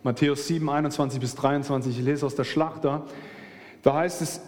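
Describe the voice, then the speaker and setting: A man's voice: mid-range voice, fairly even intonation, a little fast, a little mellow, in a large hall. A man preaching a sermon with passion, speaking straight to his listeners. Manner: impassioned, addresses the listeners directly.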